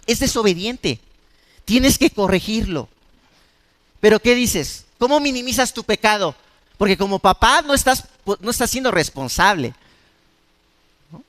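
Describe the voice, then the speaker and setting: A Mexican man preaches to his congregation in a high, bright and forceful voice. He keeps it conversational, tossing rhetorical questions at the room. A long reverb trails his voice through the church hall. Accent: Mexican Spanish. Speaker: pastor. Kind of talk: sermon.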